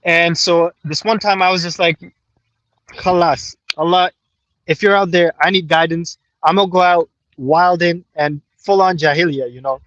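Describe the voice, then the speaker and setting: A Pakistani man in his twenties, later based in Canada and a native Urdu speaker, calls in from outdoors to tell his story informally, full of slang and frequent "you know"s. His voice is fairly high, bright and fairly even, at a moderate pace. The audio is dull with no room sound.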